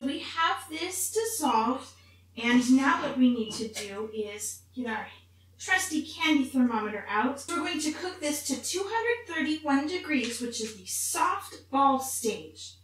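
Her voice is high, sing-song and fairly bright, moving at a measured pace as she, a middle-aged woman in character as Mrs. Claus, chats through a homely recipe demo to camera like a storybook grandmother. She's indoors in a home kitchen, picked up by a distant mic in a very echoey room with faint room noise.

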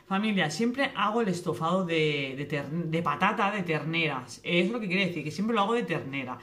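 A young woman vlogging casually from her home kitchen, talking quickly and cutting herself off mid-sentence. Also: lowish voice, expressive, a bit bright. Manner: fast, chatty, self-interrupting. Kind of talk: casual kitchen vlog chat. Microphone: camera on tripod.

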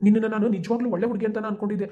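A voice artist doing a curt, rapid-fire angry brother. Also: medium pitch, steady tone, phone-quality sound, lightly acted. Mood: angry lecturing. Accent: North Karnataka Kannada. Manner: curt, lecturing. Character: young man, stubborn, hot-tempered elder brother.

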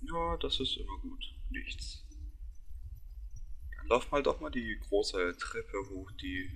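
A man's voice: on the low side, expressive, moderate pace, creaky, a bit bright, husky. A man hosting a let's play, giving casual gameplay commentary in an offhand, muttering way. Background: game music.

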